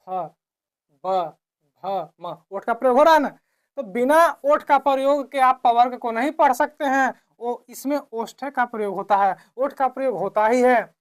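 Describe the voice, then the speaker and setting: A woman from India teaches a lesson in a somewhat high voice. She keeps putting questions to her class and answering them herself, then says each point again slowly. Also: clean tone.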